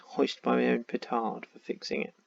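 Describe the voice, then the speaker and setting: Tired, gravelly man muttering over a game. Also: mid-range voice, level tone, normal speed. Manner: muttering, thinking aloud while searching a map. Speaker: game streamer. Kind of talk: casual gameplay commentary. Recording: dull lo-fi sound.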